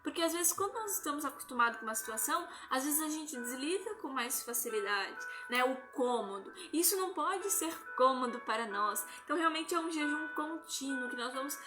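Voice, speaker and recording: A woman's voice: high voice, lively intonation, fairly quick, hardly any pauses. A woman gives an informal devotional talk from home on a live stream, tagging nearly every phrase with a questioning "né?". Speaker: lay religious speaker. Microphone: phone or webcam on a live stream. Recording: music playing behind the voice.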